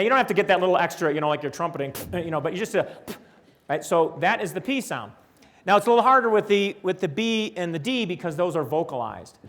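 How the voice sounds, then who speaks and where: Animated older man lecturing. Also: high-pitched. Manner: animated, demonstrates speech sounds aloud. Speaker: presenter. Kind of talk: conference lecture. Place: lecture hall.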